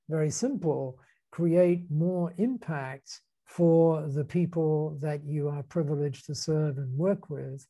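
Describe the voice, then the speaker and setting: A man giving a conversational, explanatory talk as a presenter, halting and deliberate, stressing key words. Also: on the high side, warm tone. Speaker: speaker presenting ideas to a group.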